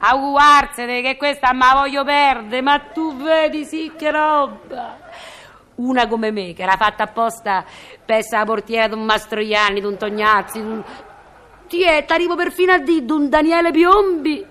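An actress with a Roman accent playing a nosy, meddling building concierge in a comic phone monologue, chatty and slyly mock-innocent. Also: female voice, high-pitched, normal speed, sharp tone, a little hiss or hum. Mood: scheming. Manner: chatty, sly, mock-innocent stirring of trouble. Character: nosy gossiping Roman concierge woman, middle-aged, meddling.

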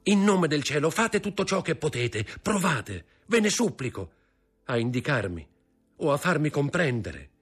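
A man's voice: fairly low pitch, animated, a little fast, faint music behind. A man voicing a desperate young nobleman who pleads and begs in an impassioned voice, in an audiobook reading of a novel.

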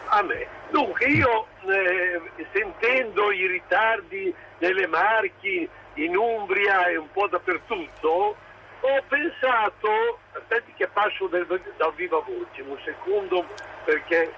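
Halting caller on a speakerphone line. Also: male voice, high-pitched, expressive, pushed and bright. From Sicily, Italy. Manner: halting, hesitant. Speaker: radio caller. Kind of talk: call-in chat. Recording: lo-fi phone line with faint noise.

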